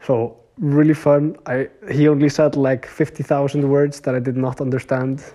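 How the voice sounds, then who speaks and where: A man's voice: medium pitch, flat delivery, moderate pace, dark tone. A young man talking to his viewers in a casual video diary. He rambles, uses many filler words and laughs often between his stories. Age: young adult. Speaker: vlogger.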